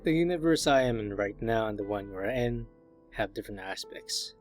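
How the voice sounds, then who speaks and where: A man narrating a visual novel playthrough, reading the game text aloud in a plain, measured way. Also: on the low side, animated. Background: soft piano music.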